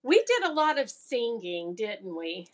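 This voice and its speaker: A woman's voice: a little high, big pitch swings, unhurried. Chatty middle-aged woman podcast host. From American South. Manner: chatty, rambling, laughs often. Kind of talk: casual chat.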